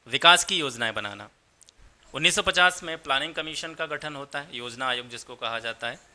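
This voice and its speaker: Bright-voiced male history teacher. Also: medium pitch, fairly quick. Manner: explanatory, mixes English terms, repeats points in Hindi. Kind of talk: exam-prep history lecture.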